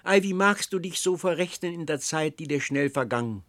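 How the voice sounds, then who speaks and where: A man reading aloud, voicing an old counselor who persuades with ornate, flattering speech, in a storybook reading. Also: a little high, brisk, no echo, voice pushed up. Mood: teasing.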